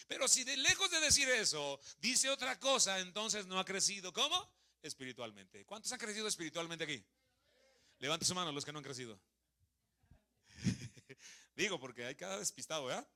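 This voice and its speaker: A man's voice: high-pitched, moderate pace. A Mexican man in his thirties preaching a sermon in a church hall, asking the congregation questions and joking with them. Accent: Mexican Spanish. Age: 30s. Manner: lively, asks the congregation questions and jokes with them.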